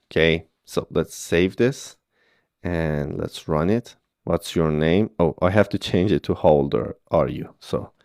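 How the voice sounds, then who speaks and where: Speaking in a low, darkish voice, a man in his 30s teaches coding in a screen-recorded tutorial. He explains exercises patiently, step by step, with frequent "okay?" and "right?" checks, and the studio sound is clean with no room echo.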